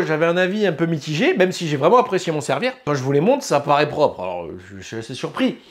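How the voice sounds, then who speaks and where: A French-accented man giving a casual, hesitant product review, full of fillers and restarts. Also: fairly high pitch. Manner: hesitant, filler-heavy, self-correcting. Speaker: YouTube 3D printing reviewer.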